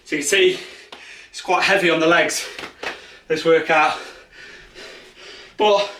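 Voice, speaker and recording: A man's voice: on the high side, fairly even intonation, slow, bright, forceful tone, a little hiss or hum. A man, out of breath, coaching a follow-along home workout with urgent encouragement and countdowns. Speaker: fitness instructor. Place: small space at home. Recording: echoey room, far from mic.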